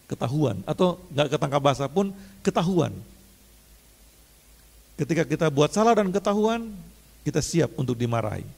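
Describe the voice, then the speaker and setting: A man preaching a sermon with a gravelly, somewhat high voice. He talks casually to the congregation, slips into English phrases, and climbs into loud, emphatic runs. The sound rings with a long hall reverb. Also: very animated, normal speed, pauses often. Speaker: pastor.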